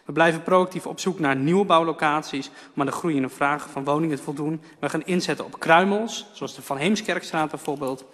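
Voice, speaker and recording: A man council member works steadily through a prepared speech, his voice pitched somewhat higher than most men's. The council chamber adds a long, ringing reverb. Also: fairly quick, hardly any pauses. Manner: steady, reading prepared points.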